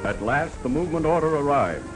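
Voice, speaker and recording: Canadian male narrator for a 1940s newsreel, punchy and dramatic, over loud music. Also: fairly high pitch, very animated, fairly quick. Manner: dramatic, declamatory, announcer-style delivery.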